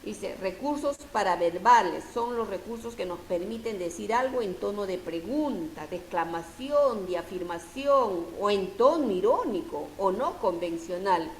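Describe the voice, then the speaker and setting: A woman's voice: mid-range voice, lively intonation, unhurried, few pauses. A middle-aged woman teacher lecturing her class, explaining patiently and raising her voice to stress key points. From Peru. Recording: echoey room, faint background noise.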